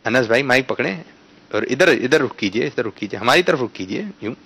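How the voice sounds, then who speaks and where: A man hosting a quiz for children, coaxing them patiently to pronounce words correctly and breaking into loud announcements when they get it right. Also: mid-range voice, animated, creaky, breathy edge.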